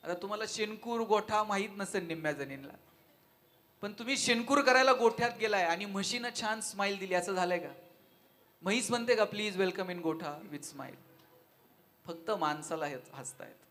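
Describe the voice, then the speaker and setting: A man's voice: high voice, brisk. A man giving a devotional talk at a live event, telling funny anecdotes and putting questions to the audience. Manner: lively storytelling, asks the audience questions. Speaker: devotional speaker.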